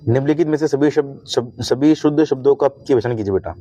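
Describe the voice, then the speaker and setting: A man's voice: medium pitch, fast, dark tone. A man teaching a Hindi spelling lesson to students, speaking Hindi with a Hindi accent, repeating "thik hai sir" and calling the students "beta" again and again. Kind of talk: online class lesson.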